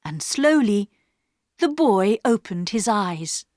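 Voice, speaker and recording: A woman narrating a story in slow, clearly paced English for learners. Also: mid-range voice, very animated, darkish tone, dry recording, studio quality. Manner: clear, carefully paced reading.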